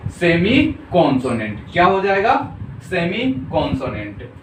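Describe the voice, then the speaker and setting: A man's voice: fairly high pitch, sing-song, a little slow. A male teacher giving a classroom grammar lecture, drilling the students with repeated questions and coaxing them to answer. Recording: echoey room, far from mic, noisy.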